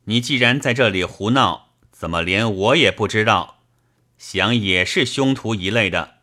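A man's voice: fairly low pitch, expressive, measured pace, sharp tone. A man voicing a stern, upright middle-aged official who speaks curtly and commands. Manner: curt and commanding.

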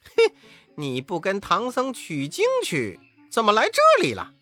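一位男子在故事中扮演猴王孙悟空，语调高扬，常嘿嘿笑，口气张扬。. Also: male voice, high-pitched, huge pitch swings, a little slow, bright, forceful tone, faint music behind, voice pushed up, heavily acted. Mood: cocky. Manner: laughing "heh heh", brash cries. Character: cheeky boastful male Monkey King, bold and spry.

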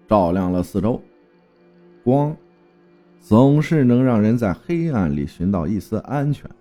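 A man's voice: medium pitch, warm tone. A man telling a first-person horror story with dramatic storytelling and terse spoken commands.

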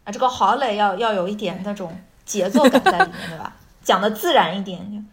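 A woman's voice: medium pitch, expressive, a little fast. A woman hosting a casual language-lesson chat, explaining things and checking in as she goes. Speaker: podcast host.

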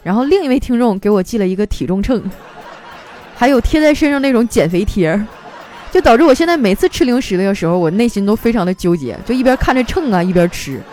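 Playful woman host with lively pitch. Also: quick pace, faint music behind. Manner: playful, chatty, mimics voices for quoted people. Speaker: radio host reading listener jokes. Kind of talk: casual comic storytelling.

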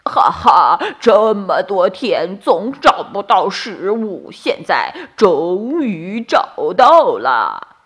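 A woman's voice: medium pitch, big pitch swings, extremely slow, slightly rough, full character voice. A woman doing a hungry gloating wolf. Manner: loud gloating laugh.

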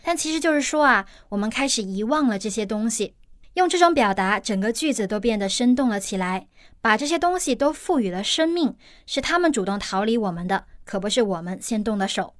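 Slightly high-voiced woman teaching English. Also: expressive, a little fast, no room sound, clean studio sound. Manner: patient, step-by-step explaining with everyday examples. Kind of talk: explaining an English news article.

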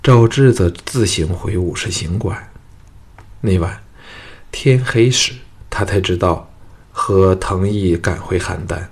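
Audiobook narrator, male, low and slightly husky, steady storytelling delivery. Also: slow pace.

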